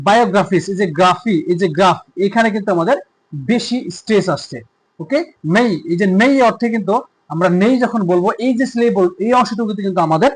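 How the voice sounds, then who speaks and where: A man with a Bangladeshi accent teaching an English textbook lesson, reading the English lines slowly and carefully before explaining them. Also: sits high, rough recording.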